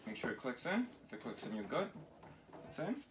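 In a garage workshop, a thirty-something DIY host casually talks through a home setup one step at a time, using plain, fragmentary phrasing. His medium-pitched voice is sing-song and fairly quick. The camera mic captures background noise.

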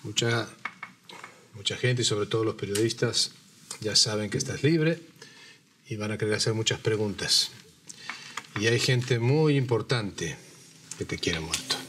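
A man's voice: lowish voice, expressive, a little slow, pauses often, fairly bright tone, slight background noise. An actor playing an older, commanding businessman in a telenovela, pressing others impatiently. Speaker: wealthy businessman and boss. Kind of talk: telenovela acting.

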